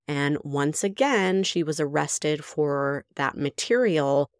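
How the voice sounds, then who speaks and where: A woman with a low voice hosts her podcast in a casual solo monologue. She is chatty, frank and enthusiastic, and throws in the odd swear word. The sound is close and dry. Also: lively intonation, slow, no echo. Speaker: podcast host.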